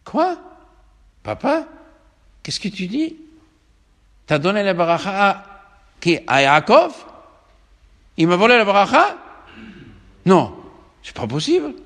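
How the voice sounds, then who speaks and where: A man voicing a wronged elder son, a grown man who protests loudly in a raspy, wailing voice. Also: high-pitched, wildly swooping pitch, slow, pauses often, big-room sound, voice pushed up, exaggerated voice. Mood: distraught.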